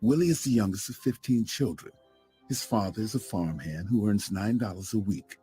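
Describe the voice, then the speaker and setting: A man narrating a true story in a scripted, dramatic storytelling style, slowing down for emphatic pauses. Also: on the low side, mellow, faint music behind.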